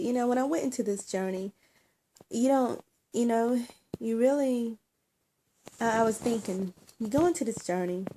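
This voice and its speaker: A woman talking in a casual personal vlog, emotional and teary, halting with many ums and restarts. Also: mid-range voice, dark tone, slight background noise. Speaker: vlogger.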